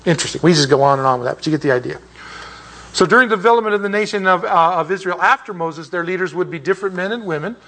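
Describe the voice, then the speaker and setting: A man's voice: sits high, very fast, sharp tone. A man teaching an informal Bible class, rambling off on side points and restarting his sentences often. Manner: rambling and digressive, with many restarts.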